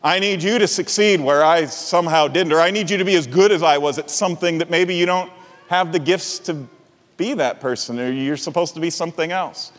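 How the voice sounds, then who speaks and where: A middle-aged pastor preaches a sermon in a fairly high, brisk voice, animatedly telling a personal story and chuckling often. The sound echoes as in a reverberant hall.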